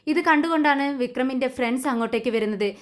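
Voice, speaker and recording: A woman's voice: sits high, fast. A woman narrating a voice-over retelling of a TV serial, reading the characters' lines in her own voice, with frequent restarts and filler sounds. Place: home voice-over, not the pictured place.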